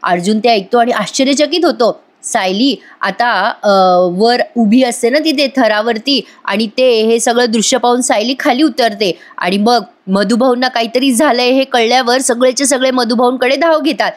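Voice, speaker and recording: A woman's voice: a little high, normal speed, few pauses. A woman recapping a TV serial episode in a chatty style, talking straight to viewers and adding wry asides.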